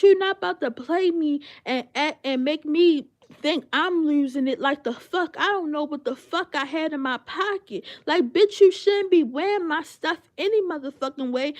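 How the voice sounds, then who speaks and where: High-voiced indignant young woman. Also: darkish tone. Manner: profane and indignant, with frequent fillers. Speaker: livestreamer. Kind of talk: heated storytime on a livestream.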